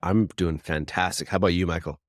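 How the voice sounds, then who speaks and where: A man's voice: low voice, steady tone, quick pace, noisy background. A man from Canada co-hosting a casual podcast, playful and given to restarts. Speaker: podcast co-host.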